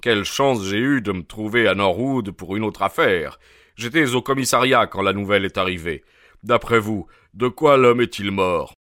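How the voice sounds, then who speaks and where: A man voicing a stout, pompous police inspector with a husky, hoarse, breathless voice and a blustering, hemming manner. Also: fairly low pitch, normal speed, fairly bright tone, no echo, studio quality, lightly acted.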